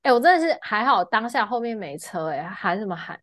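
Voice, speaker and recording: Podcast co-host, a woman with a Taiwanese accent; animated, wide-ranging voice, dry close sound. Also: medium pitch, a little fast, no echo. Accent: Taiwanese Mandarin. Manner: animated storytelling, loudly acting out shouting passengers. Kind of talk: casual chat.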